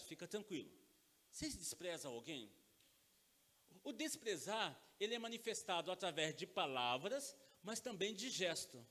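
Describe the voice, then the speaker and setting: High, lively Brazilian pastor preaching. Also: male voice. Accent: Brazilian Portuguese. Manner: animated preaching, acts out dialogues and quizzes the congregation. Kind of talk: sermon. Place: church sanctuary. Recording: long reverb of a church hall.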